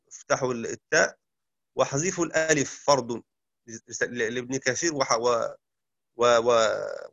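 A man teaching a lesson in a measured, explanatory way, now and then chanting short recited passages. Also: mid-range voice, a bit bright, dry recording. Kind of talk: lecture. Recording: dull, dry lo-fi sound.

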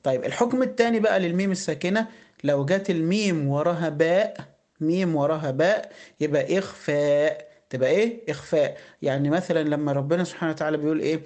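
A man's voice: fairly high pitch, darkish tone. A man with an Egyptian Arabic accent teaching Quran recitation rules, explaining patiently and asking rhetorical questions. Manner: explains patiently, asks rhetorical questions, draws out words slowly. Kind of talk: tajweed lesson with slow recitation.

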